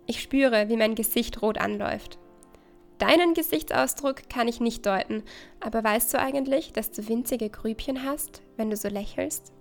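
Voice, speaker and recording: Gravelly woman reading a story. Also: on the high side, normal speed, soft background music. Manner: intimate, conversational reading. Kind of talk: scripted narration of a second-person story.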